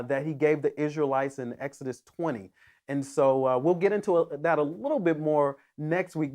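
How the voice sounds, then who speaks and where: A male pastor delivering a sermon with earnest emphasis. His voice sits on the higher side for a man. He often stops and restarts his phrases as he presses a point home. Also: a little mellow.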